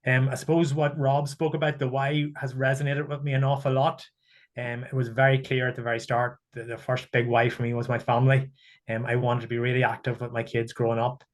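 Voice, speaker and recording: Flat-voiced man on a video call. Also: mid-range voice, fairly quick. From Northern Ireland. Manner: earnest, steady, reflective, with many ums. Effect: heard over a video call. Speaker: guest speaker sharing his story. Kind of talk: casual talk on a webinar.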